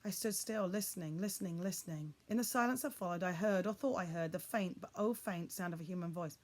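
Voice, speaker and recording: Expressive woman reading a children's story. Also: on the low side, a little fast. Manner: expressive, builds suspense. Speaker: audiobook reader. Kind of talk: reading a children's novel aloud.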